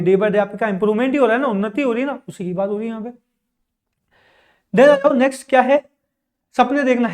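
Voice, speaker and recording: A male teacher leading a spoken English lesson, asking questions and then answering them himself. He mixes two languages freely and keeps checking in with his class. Each English example comes out slow and deliberate. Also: very high-pitched. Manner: reads English example sentences slowly and deliberately; mixes Hindi and English, repeats a verbal tic meaning "okay".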